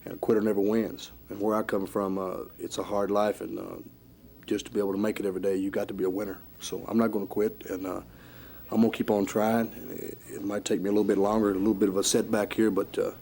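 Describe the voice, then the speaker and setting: Flat, dark-voiced halting man. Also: fairly low pitch, gravelly, slight background noise. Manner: halting, repeats words often. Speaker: wrestler guest. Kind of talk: interview answers.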